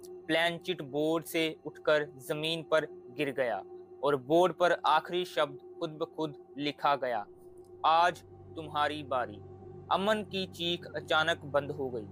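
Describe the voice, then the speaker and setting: A man narrating a scripted horror story as a channel host, with a slow, hushed, suspenseful delivery. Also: fairly high pitch, low-quality recording.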